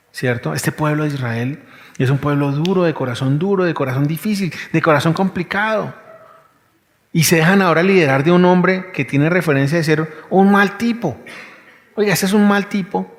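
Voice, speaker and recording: Male preacher, fairly high voice, conversational sermon, long hall reverb. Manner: conversational teaching with rhetorical questions.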